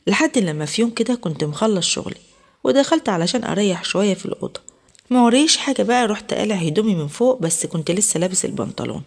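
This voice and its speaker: A woman's voice: mid-range voice, expressive, very fast. A woman with an Egyptian accent telling a first-person story in a chatty, conversational way. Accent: Egyptian Arabic.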